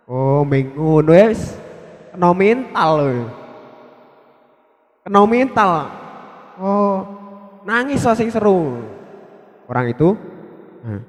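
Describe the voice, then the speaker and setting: A young man preaches with a fairly high voice, telling his story in a lively, animated way. His voice rings in a reverberant hall, picked up by a phone on a tripod. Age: young adult. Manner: lively, mixing Indonesian and Javanese. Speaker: student preacher. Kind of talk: sermon storytelling. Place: Islamic boarding school hall. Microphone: phone camera on tripod.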